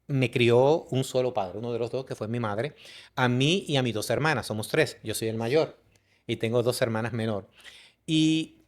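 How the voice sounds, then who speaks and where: Dominican man telling his story. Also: medium pitch. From Dominican Republic. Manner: halting, frequent restarts and fillers. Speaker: guest, business consultant. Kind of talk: conversational storytelling.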